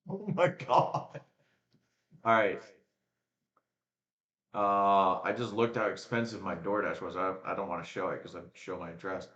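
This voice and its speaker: A man's voice: low-pitched, level tone, a little fast, hardly any pauses, a bit bright, reverberant, lo-fi sound. A man chatting casually and calling a car race live on a home watch-along stream, rambling between race updates. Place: at home in front of a webcam. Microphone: webcam and desk mic.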